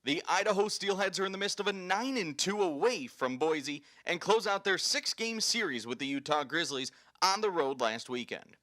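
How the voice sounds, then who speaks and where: Bright, forceful male sports highlight host. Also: expressive, normal speed, hardly any pauses. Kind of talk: scripted sports highlight narration.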